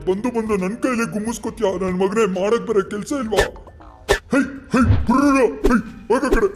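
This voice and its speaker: Cartoon jail bully , man dubbing: bossy, threatening, pitched fairly high, soft music under. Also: lightly acted. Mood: swaggering. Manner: bossy, threatening street talk. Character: gruff bullying adult male jail inmate. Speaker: voice actor in a fan spoof dub. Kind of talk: comic cartoon spoof dubbing.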